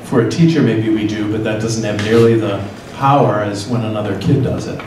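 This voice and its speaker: Speaking from the far side of a big church hall filled with tables, a middle-aged Midwestern American priest with a voice on the low side leads guided meditation and interactive forum talk. His slow, reflective second-person storytelling speaks straight to listeners and rings off the walls. It's captured on a handheld mic filmed from across the room, with constant room noise underneath.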